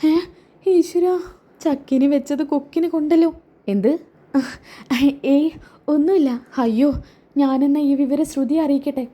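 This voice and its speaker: A woman's voice: high voice, unhurried, long pauses, highs cut off, voice pushed up. A woman voicing a scheming young woman who puts on sly, fake surprise.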